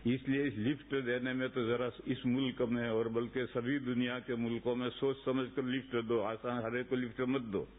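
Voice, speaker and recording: A man's voice: medium pitch, flat delivery, few pauses. A man preaching in a mosque in a conversational way, asking rhetorical questions and reciting Arabic sayings. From India. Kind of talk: sermon in a mosque. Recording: tinny phone-like lo-fi recording.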